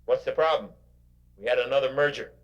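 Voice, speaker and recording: An older man giving a motivational keynote speech to a live audience, in an animated, emphatic, preacher-like way. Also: mid-range voice, brisk, lo-fi sound. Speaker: motivational speaker.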